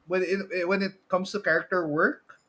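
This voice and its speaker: Chatting casually about video game movies as a podcast co-host, a man with a Filipino accent chuckles often, hesitates and repeats himself. He speaks at normal speed in a high, fairly bright voice with a level tone.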